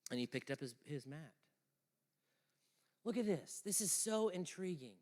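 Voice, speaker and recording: A man preaching an animated lecture to students, emphatic, swinging from loud exclaiming to quiet asides. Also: a little high, measured pace.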